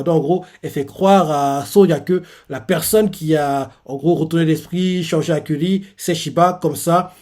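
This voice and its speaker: A man's voice: fairly high pitch, darkish tone. A man recapping a manga chapter in a casual live reaction, rambling with lots of fillers. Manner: rambling, filler-heavy retelling.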